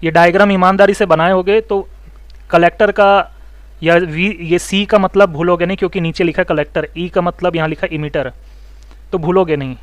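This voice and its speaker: Man, repair instructor, fast explainer, quizzes students, high voice, dry close sound. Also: steady tone, no echo. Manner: explains step by step, asks students questions and tells them to write notes; talks fast, says so himself. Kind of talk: online electronics lesson.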